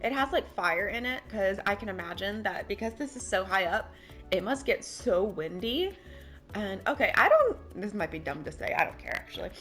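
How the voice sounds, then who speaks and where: A young game build creator narrates her build at normal speed, her medium-pitched voice very animated and fairly bright, though a touch tired. Faint music sits behind her desk-mic recording as she chats, rambles and makes fun of herself.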